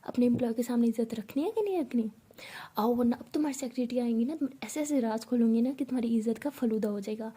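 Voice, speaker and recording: A woman's voice: a little high, fast talker, dark tone, slightly rough. A woman voicing a cheeky, affectionate young woman who scolds her girlfriend in jest. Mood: sassy. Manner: sassy, mock-scolding.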